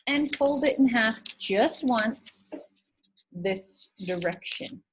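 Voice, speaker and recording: A woman's voice: fairly high pitch, animated, slow pace, slightly rough. A woman teacher explaining a math problem step by step in a recorded video lesson, patient and thinking aloud.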